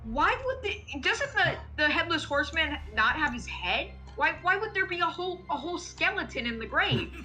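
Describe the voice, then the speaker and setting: High bright-voiced girl gaming, freaks out at jump scares, reads the story bits too. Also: faint music behind. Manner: excitable, quick reactions. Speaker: gamer co-player. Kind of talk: casual gaming chat and reading story aloud.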